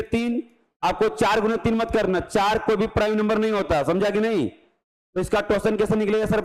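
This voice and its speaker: A male math teacher giving an exam-prep lecture, brisk and coaxing, often acting out his students' questions and answering them. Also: high voice, low-quality recording.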